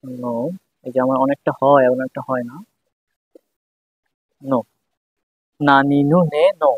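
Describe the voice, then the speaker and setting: A husky, mid-range male voice with little pitch movement takes learners through writing Japanese letters at a measured pace. He stays patient and repeats each syllable several times. The dry recording has a thin, phone-like quality.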